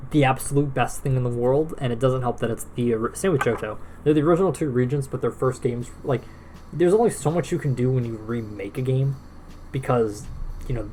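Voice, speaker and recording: A man's voice: medium pitch, a little hiss or hum. A tired man talking casually and rambling about games, often restarting his sentences. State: tired, yawning. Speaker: gaming video creator. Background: soft background music.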